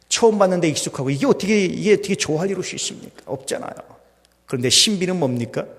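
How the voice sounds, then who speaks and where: Korean pastor preaching in a reverberant church. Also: male voice, a little high. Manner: swings between loud emphatic peaks and hushed near-whispers, many rhetorical questions. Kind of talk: sermon. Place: church sanctuary. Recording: long hall reverb.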